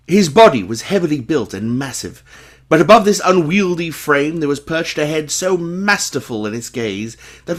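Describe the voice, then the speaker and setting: An actor playing an earnest gentleman doctor who narrates a detective radio drama in an expressive storytelling way. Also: mid-range voice.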